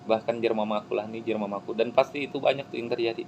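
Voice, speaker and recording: Impassioned low-voiced man preaching. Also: fairly even intonation, fast talker, dull audio, a little hiss or hum. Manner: impassioned, swinging from hushed pleading to loud exclamations. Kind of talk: emotional sermon.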